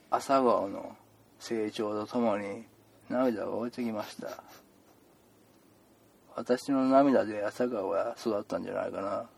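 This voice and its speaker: A man's voice: fairly low pitch, gravelly, heavily acted. A man playing a punning chatty doctor. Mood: soothing. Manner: rambling with puns and gentle scolding. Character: chatty joking male doctor seeing patients. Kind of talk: improvised comedic role-play.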